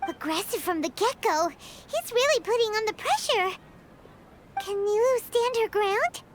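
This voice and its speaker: An actress playing a tiny, excitable childlike fairy companion with a squeaky voice in a game cutscene. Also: female voice, measured pace, background noise. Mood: excited, anxious. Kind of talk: game cutscene commentary and cheering.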